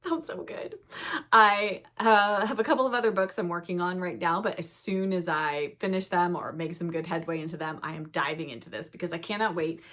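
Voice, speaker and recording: A book vlogger chats casually about her book haul, reading blurbs aloud in a soft-spoken, lowish voice at a brisk pace. She's recovering from a cold, which leaves her slightly raspy.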